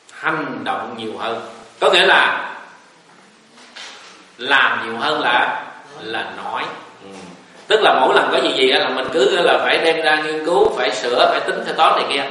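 Folksy monk, echoey hall. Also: male voice, medium pitch, bright, forceful tone. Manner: folksy, joking, rising and falling emphasis. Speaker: Buddhist teacher. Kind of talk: dharma talk. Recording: echoey room, voice from a distance, faint hiss.

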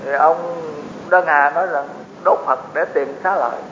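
A man's voice: a little high, steady tone, normal speed, a bit bright. A man giving a Buddhist dharma talk, explaining teachings with folksy asides to his audience. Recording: echoey hall, dull lo-fi with faint noise.

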